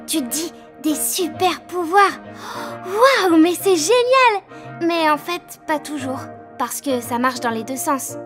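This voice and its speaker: A bouncy, excitable little girl with a very high, piping voice, rattling on fast and loud. It is a children's audio story, with soft music in the background. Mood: excited chatty.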